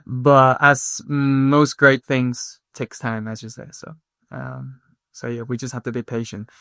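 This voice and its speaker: Smooth-voiced man hosting a podcast. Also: medium pitch, flat delivery, pushed and bright, dry recording, studio quality. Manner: halting, repeats words while thinking. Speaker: podcast host. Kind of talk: podcast interview.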